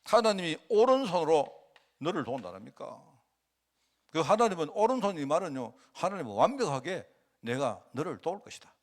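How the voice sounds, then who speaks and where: A man's voice: on the high side, very animated, brisk. A man gives a sermon in a church with a slightly raised voice that climbs and drops all the time. He talks to the congregation conversationally and keeps tossing them rhetorical questions. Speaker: pastor.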